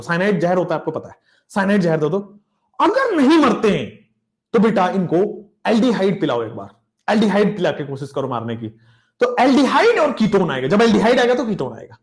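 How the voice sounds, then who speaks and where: Lively, playful male chemistry teacher. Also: high voice. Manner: playful storytelling, repeats chants slowly, addresses students as beta. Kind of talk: animated classroom lecture with mnemonics.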